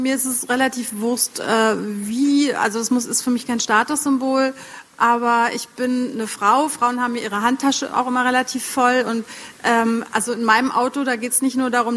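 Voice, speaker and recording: Woman, audience comment, fairly high voice, chatty, lots of fillers. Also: fairly bright tone. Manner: chatty, self-deprecating, many fillers. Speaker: audience member. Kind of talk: audience question at a panel.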